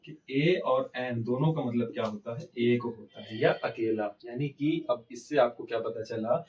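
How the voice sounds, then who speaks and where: A man's voice: medium pitch, moderate pace, darkish tone, far from the mic, slight background noise, rough recording. A man teaching an English grammar lesson, asking questions and answering them himself. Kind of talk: classroom-style grammar lesson.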